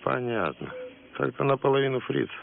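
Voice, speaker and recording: An actor playing a gruff, down-to-earth soldier who speaks bluntly and colloquially. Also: male voice, mid-range voice, animated, moderate pace. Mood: probing, wry. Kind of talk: film acting. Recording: phone-like film audio, faint outdoor noise.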